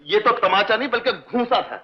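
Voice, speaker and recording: A man's voice: sits high, fairly quick, lo-fi sound, close to an everyday voice. Loyal orphan friend, played by a man, comic and heartfelt; old film soundtrack. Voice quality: comic, then pleading and emotional. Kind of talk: 1960s film dialogue.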